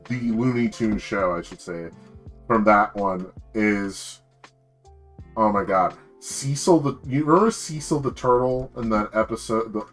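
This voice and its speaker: A young male streamer in loose, excitable conversation, his stories tumbling out with restarts and laughter. He swears casually as he goes. Quiet music runs in the background. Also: mid-range voice. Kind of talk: casual chat on a livestream.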